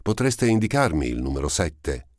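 A man's voice: very deep voice, very animated, normal speed, darkish tone, no room sound, studio quality. A man voicing a cheeky street-urchin boy with brash, teasing retorts in an audiobook. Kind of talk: audiobook character voice.

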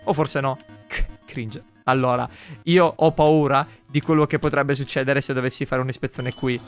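A man giving casual let's play commentary as a gaming YouTuber, laughing and swearing in quick asides. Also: mid-range voice, steady tone, clean tone, soft background music.

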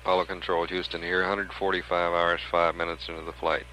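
An American man giving measured live spaceflight commentary as a mission control public affairs announcer. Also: deep voice, level tone, bright, forceful tone. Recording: faintly noisy 1960s archive broadcast.

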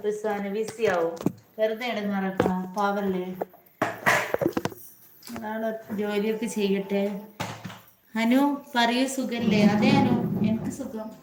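A woman hosting a casual live stream from home, chatting with viewers by name and asking how they are while she minds her children. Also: medium pitch. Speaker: live-stream host and mother. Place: noisy home room, with children and a TV nearby. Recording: roomy, noisy home phone recording.

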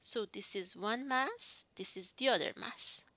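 Slow, bright-voiced woman teaching software. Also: fairly high pitch, no room sound. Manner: slow, step-by-step, talking through each click. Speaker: instructor. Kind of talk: software tutorial narration.

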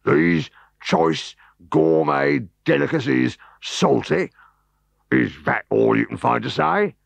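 A man reading a storybook, voicing a greedy, scheming middle-aged Roman boss in a raised, oily, drawn-out voice. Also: medium pitch, vocal fry, fairly bright tone, no echo, pitched above the performer's own voice, exaggerated voice. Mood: indignant. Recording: dull, dry recording.

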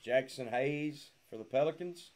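Break host, male, mid-pitched, names each card as it is pulled. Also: unhurried, darkish tone. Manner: reads out player names, joking asides. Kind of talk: live card-opening commentary.

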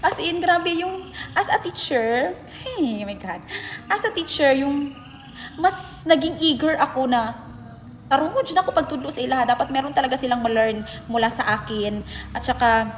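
A woman's voice: high voice, normal speed, in a large hall, slight background noise. A young Filipina teacher in a chatty, emotional way telling a classroom story, switching between Tagalog and Bisaya. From Philippines. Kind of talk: casual storytelling vlog.

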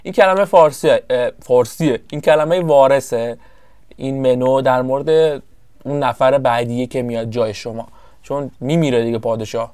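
A man giving casual, rambling commentary over his own strategy game session, often pausing to search for the right word. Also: medium pitch, fairly even intonation, a little mellow, dry recording. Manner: chatty, rambling, searches for words. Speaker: gameplay commentator.

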